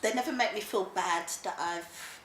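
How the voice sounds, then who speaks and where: A woman's voice: mid-range voice, normal speed, a bit bright. A middle-aged woman, speaking emotionally and laughing easily in a casual interview. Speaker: interviewee, mother and grandmother. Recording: echoey room with background noise.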